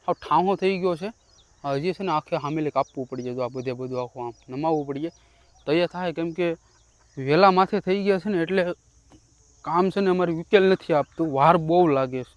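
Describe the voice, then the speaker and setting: A man's voice: on the high side, no room sound. Chatty young Gujarati man, outdoor village vlog. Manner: chatty, addresses viewers as friends. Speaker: vlogger. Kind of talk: casual vlog narration.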